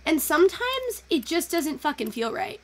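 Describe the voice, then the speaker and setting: A young woman chatting casually through a photo-editing tutorial, thinking out loud and swearing now and then. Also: sits high, big pitch swings, normal speed. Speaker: virtual photography streamer.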